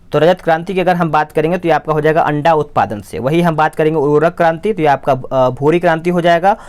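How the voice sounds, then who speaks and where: A man working through exam practice questions as a tutor, explaining quickly and often asking a question aloud before answering it himself. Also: a little high. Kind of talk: quiz answer walkthrough.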